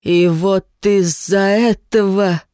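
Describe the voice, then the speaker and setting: A woman voicing a domineering, contemptuous mayor who rages at his daughter, speaking slowly and menacingly. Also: mid-range voice, steady tone, dark tone, smooth, no echo, clean studio sound, lightly acted. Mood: furious contempt. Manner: slow, menacing, snarling through teeth. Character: domineering, contemptuous male mayor, a stern father.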